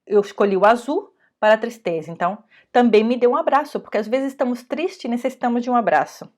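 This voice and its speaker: Middle-aged Brazilian woman, parenting course instructor, halting explanatory delivery with frequent check-ins. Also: on the high side, a little mellow. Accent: Brazilian Portuguese. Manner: halting, many restarts and checking "ok?". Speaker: educator leading a parenting course. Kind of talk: online lesson, explaining to parents.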